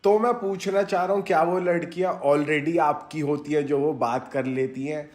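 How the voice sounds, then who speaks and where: A man's voice: fairly high pitch, steady tone, normal speed, a little mellow. A man co-hosting a podcast, asking curious, direct questions. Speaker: podcast co-host. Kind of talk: interview questions. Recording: roomy echo.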